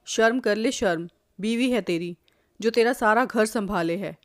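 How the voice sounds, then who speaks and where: A woman's voice: medium pitch, normal speed, natural voice. Older mother-in-law figure, stern, lecturing, read by a woman, storybook. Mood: scolding. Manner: scolding, lecturing.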